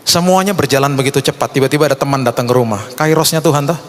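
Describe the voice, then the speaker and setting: A man's voice: mid-range voice, very fast, a little hiss or hum. A middle-aged man preaching a sermon as pastor, fervent and dramatic. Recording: long hall reverb.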